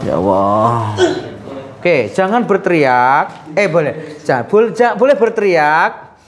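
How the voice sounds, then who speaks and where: A man's voice: on the high side, very animated, takes it slowly. A man, a sports massage therapist who chats and coaxes his patient through a treatment, often laughing. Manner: chatty, coaxing, often laughing.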